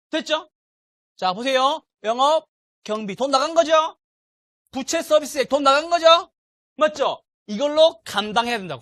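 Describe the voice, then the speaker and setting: A man's voice: extremely high pitch, fairly bright tone, dry recording, clean studio sound. A middle-aged man lecturing a live exam-prep class, drilling students with repeated call-and-response questions. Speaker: real estate exam lecturer.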